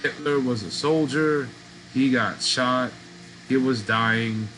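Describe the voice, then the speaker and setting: A middle-aged man hosting a podcast, talking in a loose, profane, animated street style. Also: medium pitch, slow pace, a little hiss or hum, low-quality recording. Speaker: podcast host. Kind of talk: casual monologue.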